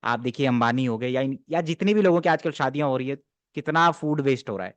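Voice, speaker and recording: A man's voice: medium pitch, expressive, fast, no echo. A man giving an explanatory astrology lecture, emphatic and corrective, with rhetorical questions. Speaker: astrology teacher.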